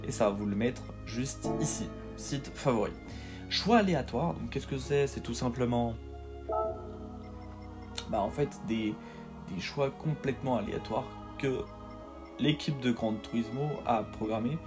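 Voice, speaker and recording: A man talks through a video game tutorial in a loose, unscripted voice-over, stopping often to restart his sentences and lean on fillers. His voice sits at an everyday middle pitch, and soft music plays faintly behind him. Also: measured pace. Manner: hesitant, filler-heavy, repeats words; self-deprecating. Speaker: gaming tutorial host. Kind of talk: casual screen-capture tutorial voice-over.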